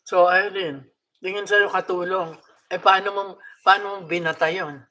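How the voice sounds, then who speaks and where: A woman's voice: lowish voice, fairly even intonation, normal speed, sharp tone. An older woman with a Filipino accent, chatting casually to her viewers at home, laughing often and mixing in English. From Philippines. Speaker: vlogger.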